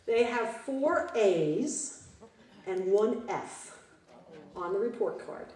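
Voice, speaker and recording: A woman in her fifties giving a motivational keynote to a conference audience, animated and prompting the crowd with frequent questions. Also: medium pitch, slow pace. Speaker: keynote speaker. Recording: roomy hall, distant mic.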